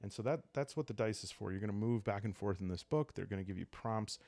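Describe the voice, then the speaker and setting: This gravelly, fairly low-voiced man runs a channel about solo role-playing games and talks through it slowly and gently in ASMR fashion, pausing as he thinks. The recording is dry, without room sound.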